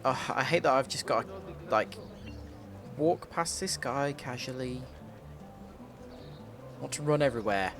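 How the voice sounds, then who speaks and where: A man's voice: medium pitch, unhurried, long pauses. A man from Britain giving chatty, joking let's-play commentary. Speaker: streamer. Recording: commentary over game music.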